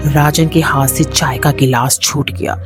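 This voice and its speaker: Low-voiced woman whispering a horror story. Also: fairly even intonation, a little slow, over loud music. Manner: hushed, often whispering for suspense. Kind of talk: scripted horror narration.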